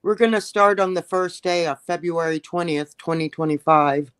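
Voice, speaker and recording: Here is a woman guest on a live-stream panel with a somewhat low voice. She talks in a relaxed, easygoing way and laughs at her own troubles. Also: moderate pace, clear, resonant tone. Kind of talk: casual live-stream chat.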